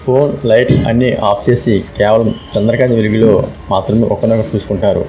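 A man narrating a romantic story in a calm, steady scripted read. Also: on the low side, fairly quick, low-quality recording.

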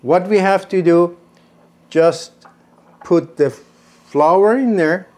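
A man in his sixties with a Persian accent, explaining a home cooking recipe step by step in an unhurried way from his kitchen. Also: high-pitched, a little mellow. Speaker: cooking show host.

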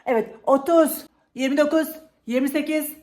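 A woman's voice: high voice, normal speed, darkish tone. A woman chatting casually to viewers as a vlog host, in a playful, teasing way. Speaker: vlog host and game player. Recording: roomy echo, faint background noise.

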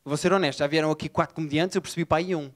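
A man from Portugal with a Lisbon accent, performing an animated, profane stand-up set and riffing with the crowd. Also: on the high side, rapid-fire, a little hiss or hum. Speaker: stand-up comedian. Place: comedy bar before a live audience. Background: audience laughter.

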